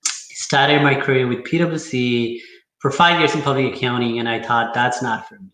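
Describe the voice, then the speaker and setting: This rough, reverberant recording features a guest accountant from Nepal in a casual interview. His mid-range voice is a bit bright and moves at a moderate pace, but he speaks hesitantly, with lots of fillers and restarts.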